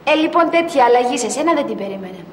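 A woman's voice: high-pitched, lively intonation, slight background noise. An actress playing a young woman eager for her own turn in show business, in 1980s comedy style. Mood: fond. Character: hopeful young woman, would-be performer. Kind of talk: 1980s film comedy acting. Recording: roomy film audio with long reverb.

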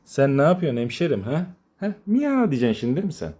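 A man filming his kittens on a phone at home, coaxing and teasing them and slipping into a high, playful baby-talk voice. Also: big pitch swings, fast talker, warm tone. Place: home with cats.

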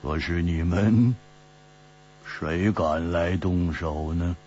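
In pingshu storytelling style, a man voices a bold, jovial swordsman who boasts, laughs and mocks his captors with teasing bravado. He speaks slowly in a low, darkish voice pitched below his own. The dull lo-fi recording carries mains hum.

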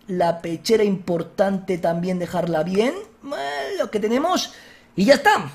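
A man with a Spain Spanish accent hosting a let's-play, excitable, shouting at enemies and joking with viewers. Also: sits high, unhurried. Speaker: gaming video host.

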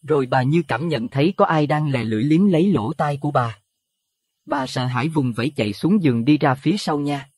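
A man narrating a Buddhist horror audio story in an expressive, dramatic way. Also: on the high side, fairly quick, no room sound. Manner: expressive, rising to alarm at scary moments.

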